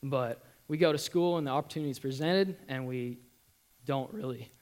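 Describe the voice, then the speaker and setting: A young man giving a church testimony, earnest and halting, with many ums and restarts. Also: medium pitch, darkish tone.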